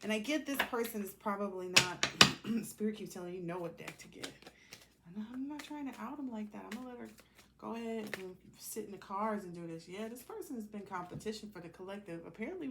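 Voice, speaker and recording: A woman with a medium-pitched voice hosts a collective tarot reading, improvising casually and chatting in everyday language both to herself and to the cards. There's noise in the background.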